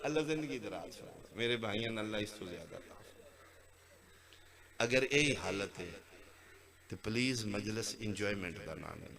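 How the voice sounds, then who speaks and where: A man with a Punjabi accent preaching an impassioned sermon at a religious gathering, acting out dialogues and rising to loud exclamations. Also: on the low side, animated, normal speed, vocal fry, long pauses. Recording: live gathering with crowd heard. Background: crowd.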